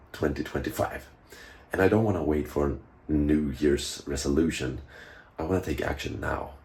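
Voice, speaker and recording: Very deep-voiced young man. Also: a little mellow. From Sweden. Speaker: vlogger. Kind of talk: casual reflective vlog talk to camera.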